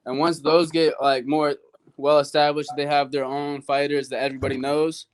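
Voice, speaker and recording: Clear-voiced male fighter talking casually. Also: a little high, flat delivery, moderate pace. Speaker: amateur fighter being interviewed. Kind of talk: casual interview answers.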